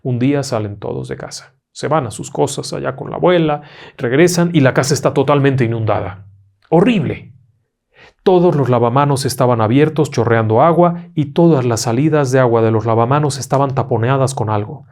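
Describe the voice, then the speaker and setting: A man narrating ghost stories dramatically, dropping to a hush in tense moments. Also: medium pitch, a little fast, vocal fry. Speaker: storyteller host.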